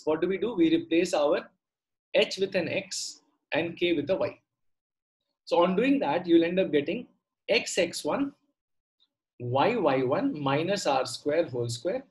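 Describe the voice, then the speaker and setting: A middle-aged male teacher speaks with a South Indian accent in a moderately high voice. He explains things step by step in a conversational way, often repeating a phrase and stopping to ask short questions of his students. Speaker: maths teacher. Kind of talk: online lesson, explaining step by step. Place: indoor room, online class on a computer.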